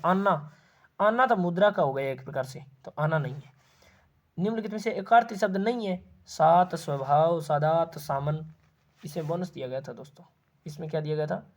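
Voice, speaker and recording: A man's voice: high-pitched, darkish tone. A man teaching an exam-prep lesson, asking questions and then answering them himself, repeating key words.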